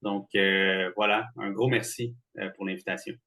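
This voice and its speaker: A man's voice: lowish voice, steady tone, moderate pace, sharp tone. A man with a Quebec French accent making casual conversational remarks as a podcast guest.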